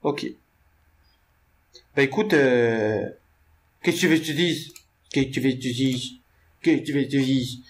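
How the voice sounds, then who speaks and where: A man's voice: medium pitch, normal speed, pauses often. A young man casually commentating his own video game play, joking, rambling to his viewers and stammering over repeated words.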